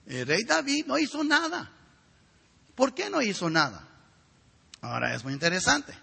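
A middle-aged male pastor preaching a sermon with a raspy, gravelly voice and emphatic rhetorical questions. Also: high-pitched, bright, forceful tone. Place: church sanctuary. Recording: reverberant hall.

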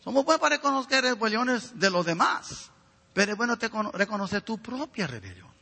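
Man, preacher, bright tense voice, husky edge, fervent sermon, questions the congregation. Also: high-pitched, big pitch swings, brisk, long reverb tail. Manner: fervent, asks the listeners direct questions.

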